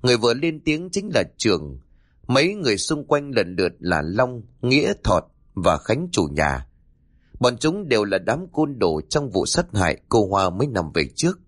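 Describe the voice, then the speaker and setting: A man's voice: medium pitch, very animated, normal speed, no room sound, clean studio sound. A man narrating a spoken horror story in a dramatic, tense manner.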